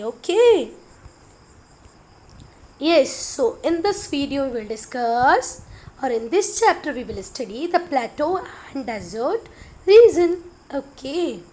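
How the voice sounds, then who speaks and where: A high-voiced woman teaching a class with an Indian English accent. She reads definitions out slowly, explains them in Hindi, and keeps checking in with "okay?" and "beta." Her delivery is measured and unhurried. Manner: calls students "beta" affectionately. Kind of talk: online class lesson.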